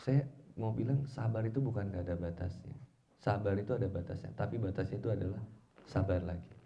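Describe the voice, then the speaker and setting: Low, gravelly male preacher, slangy. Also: brisk, highs cut off. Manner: chatty and slangy, acting out quoted dialogue; tells personal anecdotes to the audience. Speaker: Islamic preacher. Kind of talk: informal religious study talk.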